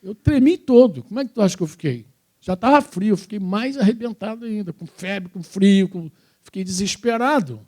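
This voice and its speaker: A male pastor with a Brazilian Portuguese accent delivers a sermon in a church. He tells his story in an animated, informal way full of slang. His voice is high for a man, with a dark, mellow tone. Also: moderate pace.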